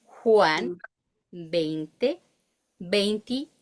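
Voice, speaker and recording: A woman's voice: on the low side, expressive, drawn-out words. A woman with a Chilean accent teaching a Bible study, reading verses aloud and asking her listeners questions.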